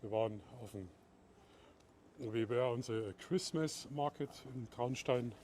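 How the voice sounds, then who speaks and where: A middle-aged Bavarian man with a German accent chats casually with viewers on a livestream as he walks through a town at night, switching between German and halting English. His medium-pitched voice is a little mellow, and there's slight background noise.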